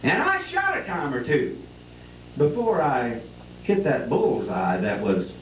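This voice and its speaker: A man's voice: fairly high pitch, wildly swooping pitch, slow pace. A man with a cowboy drawl, hosting and reciting folksy comic verse at a live event. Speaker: event host and cowboy poet. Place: live benefit event before an audience. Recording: distant, echoey, muffled live hall with noise.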